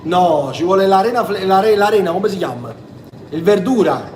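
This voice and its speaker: A man's voice: sits high, animated, moderate pace, darkish tone. A man from Sicily with a southern Italian accent, a singer hosting a livestream in casual chat. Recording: echoey room, music behind.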